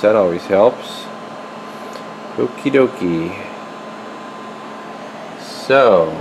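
Here the repair tech speaks with a fairly low pitch and vocal fry, informally talking to himself as he shows his bench work on video. A handheld camera behind the lens captures the noisy indoor radio workshop, where equipment hums steadily.

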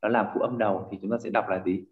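Fast-talking male teacher, echoey dull sound. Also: fairly low pitch, fairly even intonation. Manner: quizzing and explaining, frequent tag questions. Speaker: Korean language teacher. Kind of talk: online language lesson.

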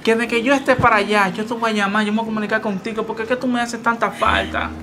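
A man's voice: very high-pitched, a little fast. A man playing a husband about to emigrate, full of big promises and sweet talk. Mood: tender. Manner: boastful, then tender and pleading. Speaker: comedy sketch actor. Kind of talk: comedic sketch dialogue.

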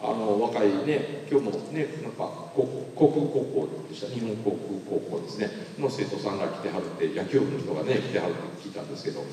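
A man's voice: lowish voice, fast talker, few pauses, dark tone, a little hiss or hum. A man in his fifties with a Kansai accent gives a live lecture, telling a story and acting out the voices of the people in it. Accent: Kansai Japanese. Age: 50s. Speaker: motivational speaker. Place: large lecture hall. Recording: echoey hall, mic at a distance.

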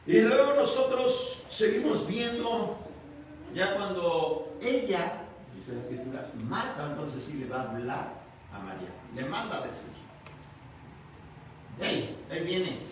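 A man with a high, animated voice delivers an expressive storytelling sermon and turns to the congregation with questions. The sound is very echoey and comes from a mic placed some distance away. A faint hiss sits underneath. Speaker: preacher. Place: church service.

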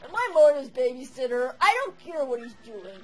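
A woman's voice: high voice, big pitch swings, moderate pace, faint music behind. A woman voicing a bossy, impatient male turtle-dragon king villain who bellows and gloats. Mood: boastful.

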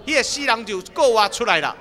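Man, live sermon interpreter, fast, bright high voice, long stadium reverb. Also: expressive. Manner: quick, following the preacher's emphasis, with some stumbles. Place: outdoor stadium.

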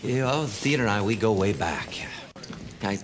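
A man's voice: on the low side, big pitch swings, normal speed, background noise. An actor in his thirties playing a hesitant, dry, evasive everyman hero in a television drama. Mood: evasive, awkward. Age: 30s.

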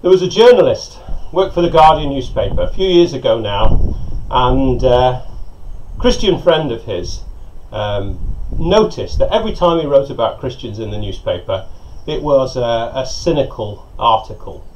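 A middle-aged man, a pastor, preaching a sermon and telling stories in an animated way, recorded on a lapel mic outside on a porch. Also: medium pitch, normal speed, a little hiss or hum. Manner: storytelling, animated, gesturing with hands. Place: covered porch outdoors by a lake. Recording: slightly dull sound with faint outdoor ambience.

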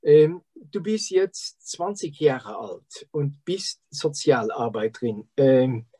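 Calm, husky-voiced male interview host. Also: mid-range voice, takes it slowly. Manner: calm, encouraging backchannels. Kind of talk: conversational interview. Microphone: video call.

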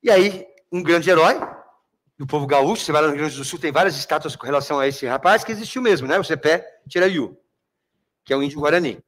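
Fast and fairly high-pitched, with a slightly bright tone, this teacher speaks with a Brazilian Portuguese accent. Reviewing literature for an exam, the Brazilian man regularly makes sure students are following and calls them affectionate names.

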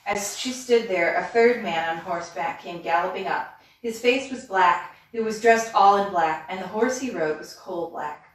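Woman reading a fairy tale, very echoey. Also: medium pitch. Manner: steady, measured reading with small slips. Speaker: storyteller. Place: reading room. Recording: echoey room from far off.

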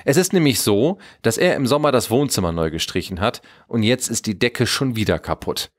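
A man narrating a German children's Christmas story in an expressive storybook manner. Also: mid-range voice, fairly quick.

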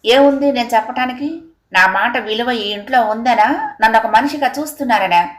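A woman's voice: fairly high pitch, moderate pace, reverberant, close to an everyday voice. A woman voicing an anguished middle-aged mother in an audiobook story, indignant and bitter. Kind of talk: audiobook character reading.

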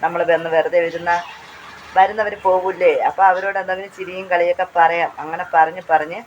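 Hoarse Kerala woman, casual cooking vlogger, phone-held mic, faint sizzle under. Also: on the low side, fairly even intonation, fairly quick, lo-fi sound, slight background noise. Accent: Kerala Malayalam. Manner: chatty, repeats phrases, tag questions. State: hoarse from talking. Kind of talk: casual chat while cooking. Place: home kitchen. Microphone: handheld phone. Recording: faint frying sounds behind.

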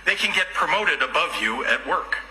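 A man's voice: fairly high pitch, expressive, normal speed. A middle-aged man delivering a humorous public speech, heard as a replayed clip. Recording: echoey replayed speech with faint noise.

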